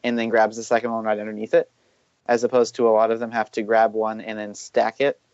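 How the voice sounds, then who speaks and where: A man's voice: fairly low pitch, completely flat delivery, a little fast, darkish tone, clear, resonant tone, no echo. A man on a casual robotics panel, explaining designs enthusiastically. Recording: dull dry lo-fi sound.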